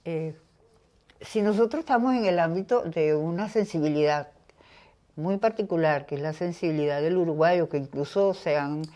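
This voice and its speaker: An older woman from Venezuela, speaking as an interview guest in a reflective conversation, pausing often to search for her words. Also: low voice, dark tone. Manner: thoughtful, pauses to search for words.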